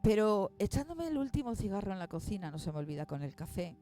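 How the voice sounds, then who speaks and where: Lady in her 40s telling her story, emotional, acts out the voices, soft music behind. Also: medium pitch, very animated, fast talker. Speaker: guest. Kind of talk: personal testimony.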